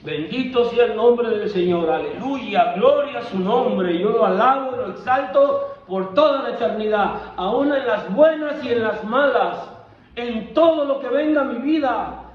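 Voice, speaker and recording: High-voiced pastor preaching in an echoey room. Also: male voice, expressive, a little slow. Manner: fervent, repetitive preaching with frequent restarts. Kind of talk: sermon. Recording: echoey room, dull lo-fi sound.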